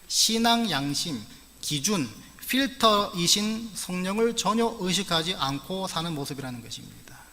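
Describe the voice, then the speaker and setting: A man's voice: sits high, animated, normal speed, bright, forceful tone, slight background noise. A middle-aged man from the Gyeongsang region of Korea preaching a sermon as pastor, earnest with humorous asides. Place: church sanctuary. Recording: long church-hall reverb.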